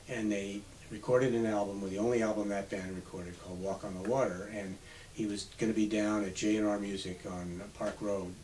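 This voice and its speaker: A man in his seventies, an author being interviewed on radio, telling unhurried stories from his past. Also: on the low side, a little mellow. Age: 70s. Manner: reminiscing, unhurried storytelling. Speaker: author guest. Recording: slightly distant mic with faint hiss.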